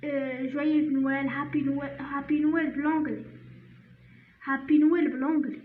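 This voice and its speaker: A woman teacher with a Moroccan accent, reciting a poem slowly and deliberately, then explaining it with hesitant restarts. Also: sits high, little pitch movement. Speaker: language teacher. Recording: tinny phone-like sound in an echoey room.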